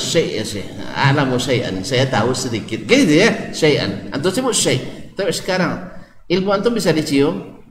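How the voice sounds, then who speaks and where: A man preaches in an Ocu Malay accent with a lively, swinging voice, quizzing his listeners and slipping in jokes. His voice sits a bit high for a man. The recording rings with long hall reverb over faint ambience. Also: slight background noise. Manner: lively, jokes with the audience, asks questions. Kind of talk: Islamic study lecture.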